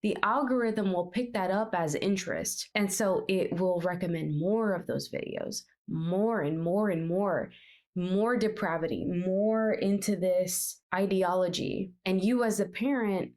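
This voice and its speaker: A woman co-host talks in an animated, emphatic way. Her voice sits in a medium range. She keeps up a lively commentary. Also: medium pitch, unhurried. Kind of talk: opinion commentary.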